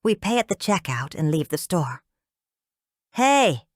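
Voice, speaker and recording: Brief: woman audiobook reader, lively rise and fall, dry close recording. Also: deep voice, moderate pace, dry recording. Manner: expressive reading. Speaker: audiobook narrator. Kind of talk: first-person thriller narration.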